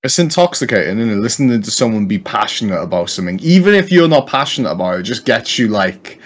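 A man's voice: lowish voice, big pitch swings, fast. A man co-hosting a gaming podcast in casual chat, playful and teasing with the others. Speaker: podcast co-host.

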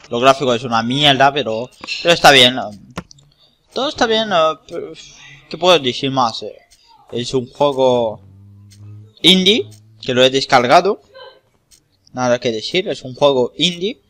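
Male gamer, Spain accent, slow and repetitive casual commentary, sweary, bright tone, faint game music. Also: mid-range voice. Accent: Spanish from Spain.

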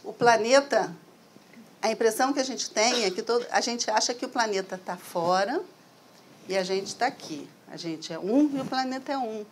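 A middle-aged Brazilian woman lectures to an audience in a hall, speaking into a stand microphone in a conversational, reflective way and often adding "né?" tags. Her voice is a little high, her pace normal, and there's slight background noise.

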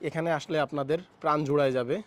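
A man giving a walkthrough tour of a flat for sale, talking straight to viewers and pointing out each room's features. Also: fairly high pitch, racing. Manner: speaks softly in the child's bedroom so a sleeping baby isn't woken. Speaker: real estate agent giving a flat tour. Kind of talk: walkthrough property tour narration. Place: inside an apartment, moving room to room.

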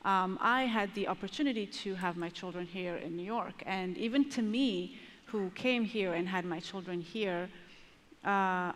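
A woman in her thirties from Ethiopia, answering earnestly on a conference panel through a headset mic, pausing and restarting as she thinks. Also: medium pitch. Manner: earnest, thoughtful, with pauses and restarts. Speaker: panelist, maternal health advocate. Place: large conference stage with long reverb. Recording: reverberant large hall.

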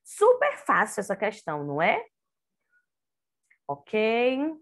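Slow-spelling kindergarten teacher woman. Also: on the high side, huge pitch swings. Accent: Brazilian Portuguese. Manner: slow, syllable-by-syllable spelling for young children. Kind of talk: online phonics lesson.

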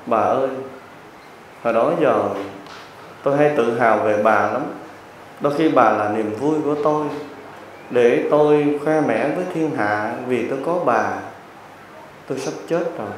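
A man's voice: medium pitch, moderate pace, long pauses, slight background noise, close to an everyday voice. A man voicing a dying old husband who pleads weakly with his wives in a told story. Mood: pleading. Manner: weak, pleading. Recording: very echoey hall, distant mic.

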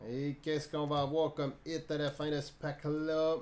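During a live card break, a Quebec French-accented host calls out cards in a chatty manner, laughing and joking with those watching. His voice runs on the high side with a darkish tone, little pitch movement, and a slightly slow pace.

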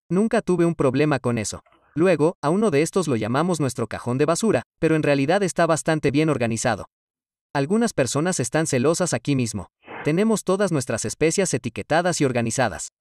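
A man's voice: fairly high pitch, darkish tone, dry recording, studio quality, distant mic. A young man giving an upbeat, casual tour of the converted shuttle bus he lives in.

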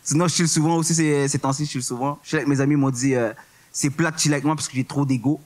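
With a fairly high pitch, a steady tone, and a quick pace, a young Québécois comedian in his twenties works a club stage. His set is full of slang and English words, and he often asks whether you follow; his accent is Québécois French.

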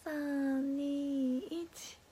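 A young woman speaks to her live-stream audience in a high voice, giggling readily and keeping things playful. She reads out what viewers comment and replies in an easygoing, chatty way.

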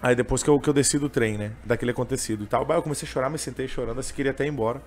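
A man's voice: medium pitch, very fast, soft background music. A young man with a gaúcho Portuguese accent telling his story in a casual interview, rambling and emotional, full of fillers. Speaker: interviewee, train vendor and singer.

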